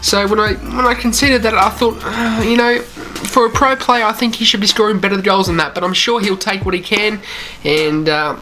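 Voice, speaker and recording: This mildly accented Australian man hosts a gaming channel, commenting casually over gameplay in a chatty, rambling way with lots of "you know" fillers. His voice is high-pitched, steady and sharp, at a moderate pace.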